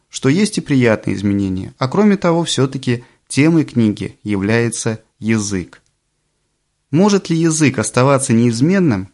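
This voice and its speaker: A composed male narrator reads an audiobook at a steady, calm pace, his voice sitting in the middle of the male range. Whenever he wants to stress a phrase, he slows down, but his delivery stays even throughout.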